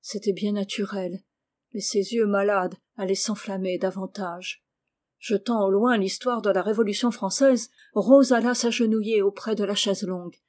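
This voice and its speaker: Warm-voiced woman reading a novel. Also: medium pitch. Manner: measured, expressive storytelling. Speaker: audiobook narrator. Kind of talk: scripted narration.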